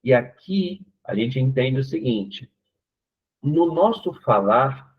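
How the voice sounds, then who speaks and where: Slow husky Brazilian man teaching. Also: a little high. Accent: Brazilian Portuguese. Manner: patient, explains step by step with frequent "né?" checks. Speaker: English teacher. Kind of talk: online class explanation. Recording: tinny narrowband online call audio.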